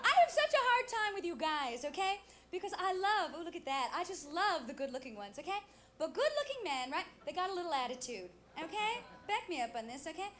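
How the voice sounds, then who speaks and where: Very high-pitched woman doing stand-up. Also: big pitch swings, fairly quick, fairly bright tone. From New York. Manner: chatty, coaxing the audience with frequent tag questions. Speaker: stand-up comedian. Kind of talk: stand-up comedy with prop gags and impressions. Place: comedy club stage. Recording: noisy live club recording with audience. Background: audience noise and laughter.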